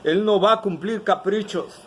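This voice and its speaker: Animated preaching man. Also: high-pitched, normal speed, slight background noise, low-quality recording. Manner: animated preaching, asks the congregation questions. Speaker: pastor. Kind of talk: sermon.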